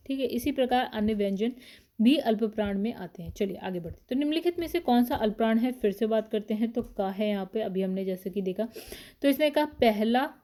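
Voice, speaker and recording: Mellow-voiced woman teaching grammar. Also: a little high. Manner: explains step by step, often asks and answers her own questions; fillers and short pauses while reading options. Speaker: exam prep teacher. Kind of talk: casual Hindi grammar lesson.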